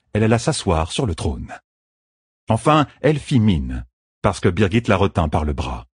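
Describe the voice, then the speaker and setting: A man narrates a fantasy audiobook in a low, husky voice. His reading moves with lively rises and falls, and the sound is close and dry. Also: no echo.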